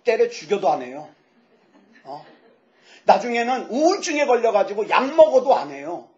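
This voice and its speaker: A pastor in his fifties preaching a sermon, lively and joking, asking the audience questions. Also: high-pitched, moderate pace. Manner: lively, asks the audience questions, jokes about himself. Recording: dull lo-fi sound.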